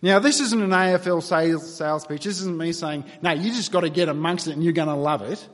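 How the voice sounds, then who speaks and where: Preaching in a church hall with long reverb, this pastor from New South Wales, Australia, talks a little fast. He moves from earnest prayer to easygoing stories, slipping in dry, wry asides, and his voice sits somewhat high for a man.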